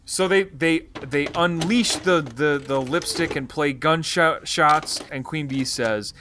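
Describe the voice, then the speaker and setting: A man's voice: on the high side, takes it slowly, noisy background. A man co-hosting a film review show, chatting casually with emphatic, comic commentary and some swearing. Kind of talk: casual comic movie recap chat.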